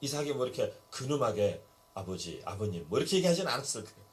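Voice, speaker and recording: A man's voice: mid-range voice, very animated, rapid-fire. A middle-aged male pastor preaching a sermon, telling stories and acting out Bible dialogue. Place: church basement hall.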